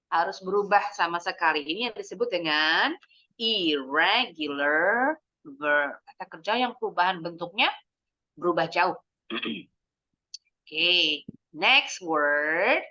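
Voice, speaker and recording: A woman teaching English to children in a slow, careful way, sounding out each word so the class can repeat it. Her voice is bright and clear, and she often clears her throat between points. The audio is a bit dull and lo-fi, like an online class call. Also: fairly low pitch, expressive. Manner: slow, clear modeling of words for repetition; mixes English phrases into Indonesian explanations. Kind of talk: online English lesson for kids.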